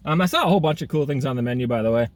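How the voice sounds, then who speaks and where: Eating outdoors where it's half sunny, half shady, this food vlogger talks at a rapid-fire clip in an animated, medium-pitched voice. His casual review is chatty and full of exclamations as he eats.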